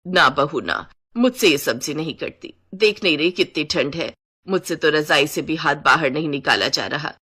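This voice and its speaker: A bossy, complaining middle-aged mother-in-law from an animated storybook, pitched low and heavy, as a woman voices her. She gives orders in a firm, dry way. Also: normal speed, slightly rough, exaggerated voice. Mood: whiny. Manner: commanding, complaining.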